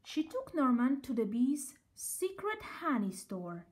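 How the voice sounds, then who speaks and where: A woman storyteller narrates a tale for children. Her voice is high and lively in pitch, and she reads expressively at an unhurried, slow pace.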